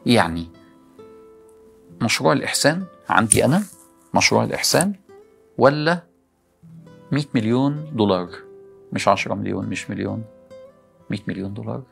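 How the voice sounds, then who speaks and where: A man's voice: fairly low pitch, big pitch swings, fairly quick, gravelly, long pauses, faint music behind. A man with an Egyptian Arabic accent giving a motivational religious talk to young people, full of rhetorical questions to the audience. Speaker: preacher addressing young people.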